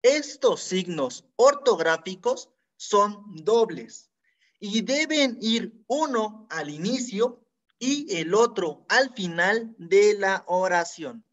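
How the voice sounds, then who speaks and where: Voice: medium pitch, expressive, takes it slowly, highs cut off. A teacher giving a scripted grammar lesson, explaining each rule with worked examples and repeating it.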